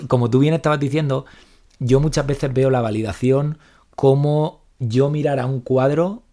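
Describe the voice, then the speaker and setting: A young man with a Spain Spanish accent, a psychologist co-hosting a casual podcast, talking quickly and acting out example lines. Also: medium pitch. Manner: fast, animated, acts out example lines. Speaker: psychologist co-host.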